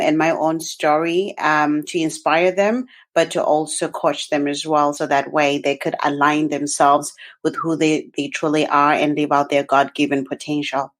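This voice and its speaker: A woman from Zimbabwe, a guest telling her life story in an interview, earnest and reflective with some fillers. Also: deep voice.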